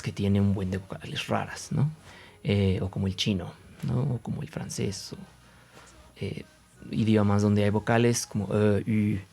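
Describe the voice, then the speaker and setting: In a casual, explanatory video lesson, a man with a central Mexican accent teaches Japanese pronunciation. His voice is lowish and a little mellow, and he uses many fillers while often sounding out examples aloud.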